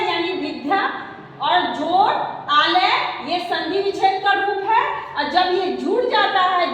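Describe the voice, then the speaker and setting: A woman's voice: very high voice, a bit bright, slight background noise. A woman teacher with a Bihari Hindi accent giving an online grammar lesson, repeating points and quizzing her students. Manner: slow, repetitive, quizzing students. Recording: echoey room with long reverb.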